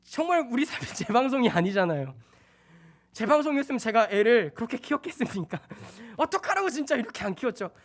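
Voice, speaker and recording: A young man preaching a sermon at a Friday night church service as a junior pastor. He speaks in a lively way, acts out dialogue in other voices and drops in joking asides. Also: very high-pitched, a little fast. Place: church sanctuary.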